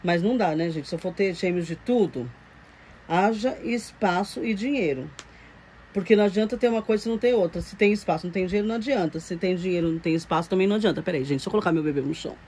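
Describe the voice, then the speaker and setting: Woman, Brazilian Portuguese accent, lowish voice, chatty and doting, casual vlog talk, faint background hiss. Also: fast talker, a little mellow, rough recording. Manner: chatty and doting, coos at the doll. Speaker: reborn doll collector vlogger. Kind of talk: casual chat to viewers. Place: home room with doll shelves.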